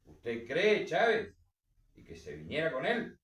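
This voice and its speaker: Guy reading a bossy gaucho general, loud sharp challenges, echoey room, mic far off. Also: fairly high pitch, wildly swooping pitch, slow, voice pushed up, full character voice. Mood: challenging. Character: commanding gaucho general, proud and domineering. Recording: roomy echo, distant mic.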